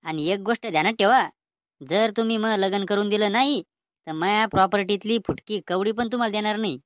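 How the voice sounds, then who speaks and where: A woman's voice: medium pitch, a little fast, lightly acted. A woman doing a stubborn old grandfather. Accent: Vidarbha Marathi. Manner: gruff, threatening, defiant. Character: stubborn bossy old grandfather wanting to marry. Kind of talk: cartoon comedy voice acting.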